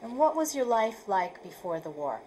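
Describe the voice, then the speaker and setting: A woman interviewer opening an oral history recording and asking formal, measured questions. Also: fairly high pitch, very animated, mellow, a little hiss or hum, low-quality recording.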